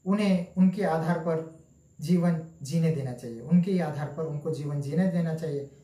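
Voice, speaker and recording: A man's voice: on the high side, normal speed, mellow. Man teaching a story lesson, echoey room. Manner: reads a line, then repeats it in plainer words.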